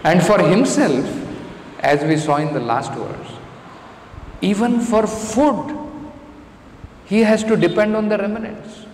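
A middle-aged man with an Indian accent gives an emphatic scripture lecture with everyday examples, repeating phrases for stress. His voice is high-pitched and darkish, slow with frequent pauses, recorded in an indoor temple lecture room on a close stand mic with roomy hall reverb and faint background noise.

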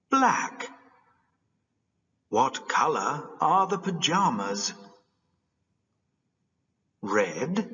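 A man reading a scripted language-course drill in a deliberate, exaggerated way for children. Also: a little high, fairly bright tone, lo-fi sound, full character voice. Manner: very clear, deliberate, exaggerated intonation. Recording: reverberant playback of course audio.

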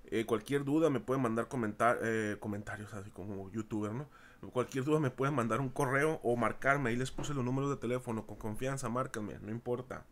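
Casual teacher talking to students. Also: male voice, mid-range voice, fairly quick, slight background noise. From Mexico. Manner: informal, repeats himself, addresses students as chicos. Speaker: university audio recording teacher. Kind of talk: screen-recorded class lecture.

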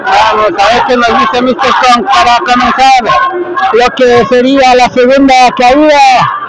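A Mexican man working as a wrestling commentator, calling lucha libre live with emphatic, drawn-out announcer delivery. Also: very high-pitched, flat delivery. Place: indoor wrestling gym with audience. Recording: noisy gymnasium, loud crowd behind.

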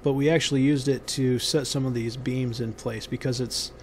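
Halting man explaining outdoors. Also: mid-range voice, steady tone, a little hiss or hum. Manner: halting, many ums and restarts. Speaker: barn builder giving a how-to video. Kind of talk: unscripted instructional talk. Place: outdoor construction site.

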